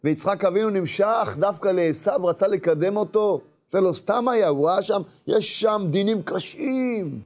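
A man preaching with a high voice. He talks in an animated way, acting out the inner voices of the people he describes and sometimes calling out loud. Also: hardly any pauses. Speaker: rabbi. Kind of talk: sermon.

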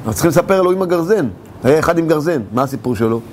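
A man's voice: a little high, lively intonation, darkish tone, slight background noise. A man teaching a religious lesson, animatedly telling a parable and acting out its scenes.

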